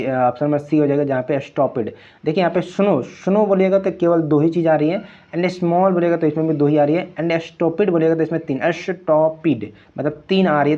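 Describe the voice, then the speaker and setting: A young male tutor with a fairly high voice walks through exam answers one at a time. He repeats key phrases and slips English words into his Hindi. The audio is dull and lo-fi, like a home-recorded online class. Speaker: exam prep teacher. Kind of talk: explaining quiz answers.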